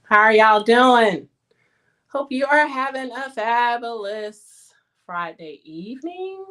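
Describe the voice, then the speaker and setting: A woman in her 40s hosts a casual livestream, chatting with viewers in a slightly high, fairly bright, expressive voice and taking her time. She is chatty, uses Southern-tinged "y'all" slang, and laughs often.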